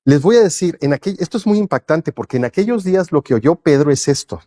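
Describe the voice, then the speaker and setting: Un hombre que predica un sermón, lee pasajes bíblicos en voz alta y los explica con preguntas a la congregación. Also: male voice, a little high, expressive, fast, warm tone. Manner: reads scripture aloud and explains it, asking the congregation questions. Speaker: preacher. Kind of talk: sermon.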